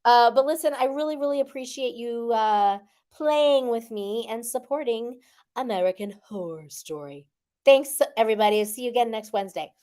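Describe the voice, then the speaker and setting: A woman's voice: a little high, moderate pace, warm tone. A middle-aged woman hosting a weekly livestream, chatting casually with viewers in a rambling, playful way full of fillers.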